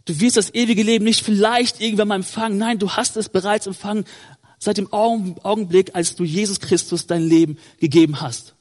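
A man's voice: high-pitched, big-room sound. A man preaching a sermon, earnest and encouraging, who addresses listeners directly and often says "hey".

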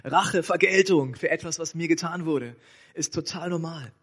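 Brief: man, pastor, preaching in a storytelling manner, pitch a bit high. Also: moderate pace, breathy edge. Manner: storytelling, addresses listeners directly. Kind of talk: sermon.

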